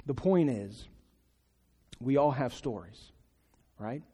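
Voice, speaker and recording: A man giving a sermon in a conversational, halting way, often restarting his sentences. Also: mid-range voice, animated, dark tone, breathy edge. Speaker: pastor. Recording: long reverb of a large hall.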